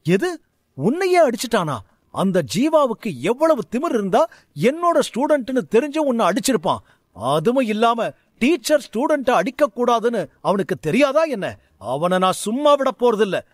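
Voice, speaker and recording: Man doing an arrogant magic teacher, indignant, quick questions, lively swooping voice. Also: high voice, dry recording, clean studio sound. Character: arrogant, hot-tempered male magic teacher.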